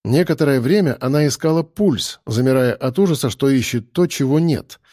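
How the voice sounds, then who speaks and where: A man reading a novel aloud as an audiobook narrator, in an even, measured way. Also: medium pitch, no echo, studio quality. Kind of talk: scripted narration.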